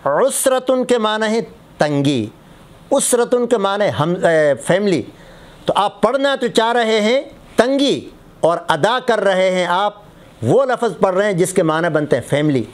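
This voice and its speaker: Teaching how prayers should be recited, a male mufti explains with patience, saying example words again and again to show how they differ. He speaks in a high-pitched, animated way.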